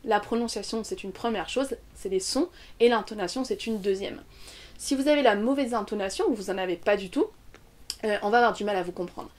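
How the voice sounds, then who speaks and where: In an online lesson, a young French woman with a mid-range voice teaches English pronunciation. She explains clearly and says example words slowly.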